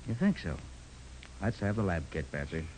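A firm, confident radio detective. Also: male voice, low-pitched, animated, normal speed, a little mellow, a little hiss or hum, low-quality recording. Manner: firm, explaining, clipped; puts on a gangster voice. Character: confident male detective, sharp and persistent. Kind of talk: 1940s radio acting.

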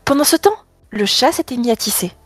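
A woman reading a fairy tale aloud, expressive, dropping to a hush at tense moments. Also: a little high, brisk, breathy edge, dry recording. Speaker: storyteller. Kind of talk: storybook reading.

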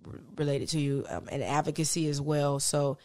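A woman with a notably low voice talks through her stories in a relaxed, conversational way. She laughs easily as she goes. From time to time she turns playful and animated. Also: normal speed. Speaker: guest, business founder. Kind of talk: casual interview chat.

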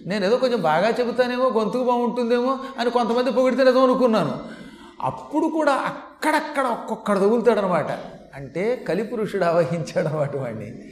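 A man giving a religious storytelling discourse, animated and joking with his listeners, slowing down for long vivid descriptions. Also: extremely high pitch. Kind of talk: storytelling discourse on a sacred legend. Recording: roomy echoing hall sound.

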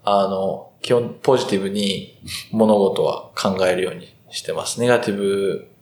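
A young man in his twenties, a rugby player answering interview questions earnestly and thoughtfully, with many pauses and fillers. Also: sits low, steady tone, a little mellow, a little hiss or hum. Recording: roomy echo.

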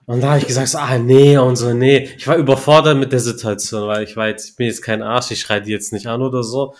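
Junger Mann, lässig, erzählt mit Slang. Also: male voice, medium pitch, little pitch movement, fast. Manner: laid-back slangy storyteller, laughs at his own punchlines. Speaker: podcast co-host. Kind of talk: casual storytelling.

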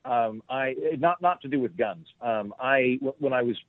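A man's voice: mid-range voice, normal speed, no room sound. Man telling a story over a tinny line. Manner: rambling, self-deprecating, many restarts. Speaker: guest comedian. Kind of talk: storytelling in a podcast interview. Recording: tinny phone-like line, dry.

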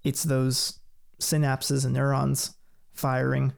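A man explaining ideas in a relaxed, casual chat, thinking aloud with light laughs. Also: mid-range voice, slow, creaky.

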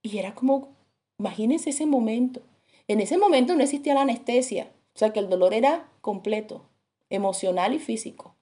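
A woman preaching a sermon in an earnest way, dropping her voice low for grave points. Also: brisk, mellow.

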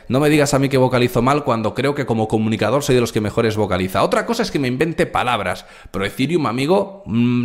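Brash, lively man streaming market talk. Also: fairly high pitch. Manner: brash, crude, animated, talks straight to chat. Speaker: crypto trading streamer. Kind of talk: live stream market commentary.

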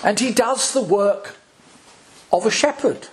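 A male priest preaching a sermon, slow and deliberate, with dramatic pauses between phrases. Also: high voice.

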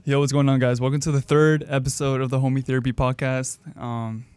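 A man's voice: mid-range voice, little pitch movement, a little fast, a little mellow, clear, resonant tone, no echo. A young man hosting a casual chat podcast, talking like a frat bro with lots of slang and swearing. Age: young adult. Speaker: podcast host.

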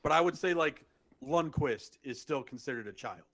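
A man's voice: fairly high pitch, lively intonation, normal speed, fairly bright tone. A man co-hosting a podcast, blunt and joking, moving between casual sports talk and sponsor reads. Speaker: podcast co-host.

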